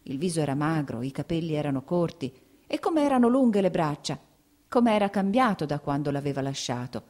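A woman narrates a novel in measured, expressive storytelling. Her voice sits low and sounds dark and mellow. It is a steady audiobook reading.

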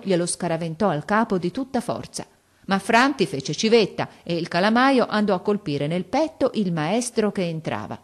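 A woman narrating a classic novel as an audiobook, in a measured, expressive storytelling manner. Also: lowish voice. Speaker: audiobook reader.

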